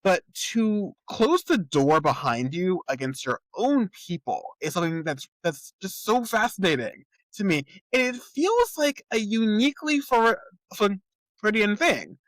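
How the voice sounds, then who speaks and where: A man hosting a podcast in a casual political chat, thinking aloud in a halting way and often repeating words. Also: high voice, sing-song, fairly bright tone, no room sound, rough recording. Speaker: podcast host.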